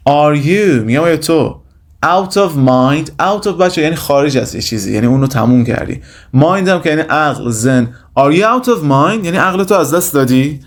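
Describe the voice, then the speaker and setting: A man teaching English phrases in a casual lesson, saying each phrase slowly and then explaining it quickly and warmly to his viewers. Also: fairly high pitch, animated.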